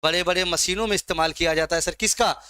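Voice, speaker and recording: A man with a high, bright voice runs a live online exam-prep class. He coaxes and teases his students by name as he quizzes them, and the sound is close and dry. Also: fast talker, smooth, no echo. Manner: coaxing, teasing students by name. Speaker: teacher.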